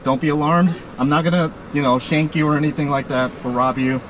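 A man with a slightly high voice banters casually in a prank video. He talks from inside a car at a drive-thru, with clear vehicle and outdoor noise around him. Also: steady tone, fairly quick. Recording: noisy outdoor car recording, vehicle hum.

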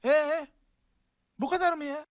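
A man's voice: very high-pitched, fairly even intonation, unhurried, dry recording, studio quality. A man voicing an aggrieved, whining teenage wizard boy who complains and swears in a comic parody film dub. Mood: aggrieved, baffled. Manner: complaining, foul-mouthed.

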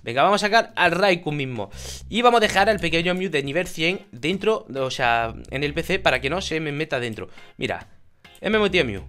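Excitable high-voiced Spanish gamer. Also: male voice, brisk, soft background music. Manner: excitable, shouts in bursts of joy, chatty with viewers. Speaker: gaming YouTuber. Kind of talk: casual Minecraft let's play commentary.

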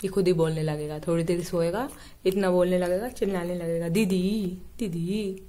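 A woman's voice: fairly low pitch, steady tone, a little fast, dark tone. A woman talking casual baby talk to her pet parrot, coaxing and sing-song, laughing often, filmed on a phone at home. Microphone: phone camera.

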